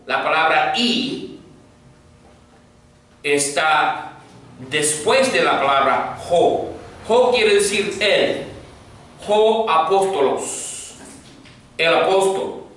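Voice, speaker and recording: A man's voice: on the high side, fairly bright tone. A man, a pastor, teaching a grammar class. He is patient, checks that students follow, and has them repeat words after him. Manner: patient, checks understanding, drills repetition. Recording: echoey room, voice from far off, faint noise.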